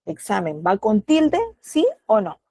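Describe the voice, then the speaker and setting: A woman's voice: mid-range voice, sing-song, slow pace, warm tone, no echo. A middle-aged woman with a Peruvian Spanish accent teaching an online class, patiently asking questions and calling on students by name.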